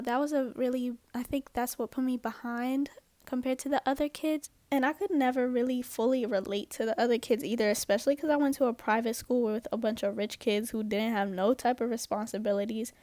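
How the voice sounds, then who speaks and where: A woman's voice: a little high, darkish tone, no room sound. Slangy, chatty young woman vlogger. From Japan. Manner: slangy, chatty, upbeat with asides. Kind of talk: casual get-ready-with-me story time.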